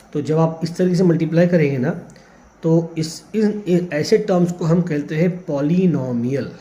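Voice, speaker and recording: A man's voice: on the high side, mellow. An Indian man teaching a maths lesson step by step, with a patient manner that counts things out aloud. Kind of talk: classroom lesson explaining on a board. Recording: slightly dull lo-fi sound, faint background noise.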